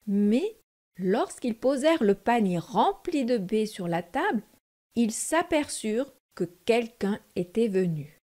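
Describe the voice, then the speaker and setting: Slow, high-voiced woman reading a fairy tale. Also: big pitch swings, warm tone. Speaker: narrator. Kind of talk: storybook reading for children.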